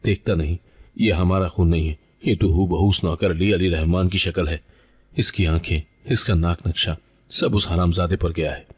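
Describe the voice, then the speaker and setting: A man's voice: low voice, steady tone, normal speed, breathy edge. A man voicing a harsh, scheming older mother-in-law who taunts and scolds. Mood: scornful.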